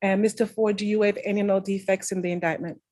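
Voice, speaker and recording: A woman's voice: mid-range voice, little pitch movement, fast talker, darkish tone. A woman acting as court clerk, reading formal questions and oaths to defendants in a plea hearing.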